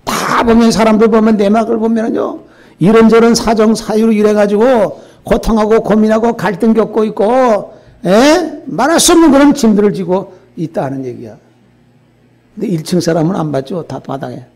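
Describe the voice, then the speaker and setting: An older man preaching a sermon as pastor, telling a story in an animated way and often checking in with the congregation. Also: high-pitched, moderate pace.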